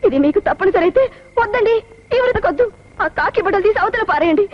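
A woman's voice: very high voice, lively intonation, quick pace. An actress playing a kind young mother who pleads earnestly and emotionally, in 1980s film dialogue. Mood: pleading. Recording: dull old film soundtrack with noise.

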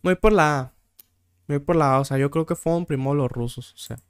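A man's voice: on the high side, fairly quick, slight background noise. A young Mexican man streaming a quiz game, thinking aloud, swearing freely and easily exasperated. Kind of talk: casual gameplay commentary.

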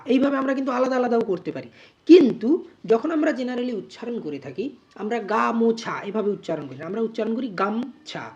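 A woman teacher explaining grammar, spelling out words slowly syllable by syllable. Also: fairly high pitch, dark tone, breathy edge, highs cut off. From West Bengal, India. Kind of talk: grammar lesson.

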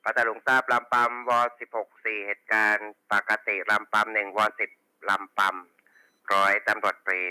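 Bright, low-voiced man dispatching over walkie talkie. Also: fairly even intonation, moderate pace, clear, resonant tone, dry recording, poor audio. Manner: procedural, repeating call signs over walkie talkie. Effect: two-way radio. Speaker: police radio dispatcher. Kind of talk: formulaic police radio roll call, reading back station reports. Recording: walkie talkie radio channel.

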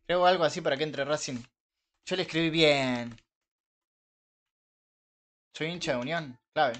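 A young man with an Argentine Rioplatense Spanish accent games on a live stream while casually chatting with viewers. He jokes, swears, and bursts into frustrated shouts, speaking unhurriedly in a fairly high voice.

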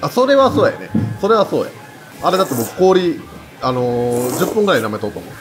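A man with a Kansai accent talks casually as he eats with a companion. His delivery is quick and his pitch moves around in an animated way. He banters and laughs readily, with faint music behind him. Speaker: food challenge video co-host. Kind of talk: casual chat while eating ramen.

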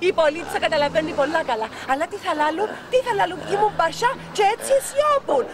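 A woman's voice: very high-pitched, very animated, a loud crowd. An actress with a Cypriot Greek accent playing a bossy wife who scolds her husband in a TV sitcom. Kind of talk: sitcom acting.

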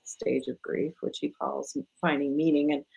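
A woman's voice: sits low, flat delivery, moderate pace, creaky, a little mellow, breathy edge, poor audio. A woman guest on a video-call interview, talking about grief in an informative, matter-of-fact way. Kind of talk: casual conversational interview.

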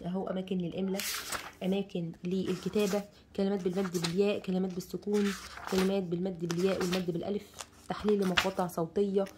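Fast-talking Egyptian woman reviewing a book. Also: mid-range voice, flat delivery, background noise. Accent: Egyptian Arabic. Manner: chatty, enthusiastic, many fillers, lists contents aloud. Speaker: bookshop presenter reviewing a children's book. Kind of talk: casual book review while leafing through pages.

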